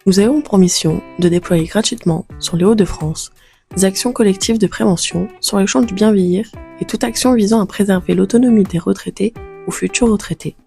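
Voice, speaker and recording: A woman reading a scripted voice-over narration in an even, informative tone. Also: mid-range voice, fairly quick, creaky. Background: soft guitar music.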